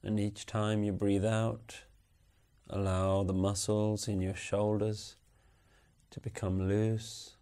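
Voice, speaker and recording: A man guiding a body relaxation meditation with slow, soothing, unhurried instructions. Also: on the low side, little pitch movement, dark tone, clear, resonant tone. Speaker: meditation guide. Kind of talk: guided relaxation script.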